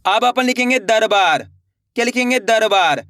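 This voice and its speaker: A young man with a strikingly high, sharp, crisp voice leads a children's spelling lesson, stretching every syllable and firing quick questions back at the class. He repeats each word again and again in a patient call-and-response drill. The recording is close and dry, with no room sound. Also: animated, dry recording. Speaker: Hindi writing teacher.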